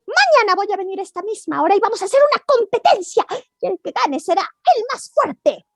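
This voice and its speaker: A tiny cheeky rabbit brags in a very high, squeaky storybook voice that leaps all over the place, as a woman storyteller puts him on. The sound is close and dry. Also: big pitch swings, a little fast, dry recording, exaggerated voice. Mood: cheeky, boastful. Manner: squeaky, bouncy, bragging storybook voice. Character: tiny bold boastful male rabbit, cheeky.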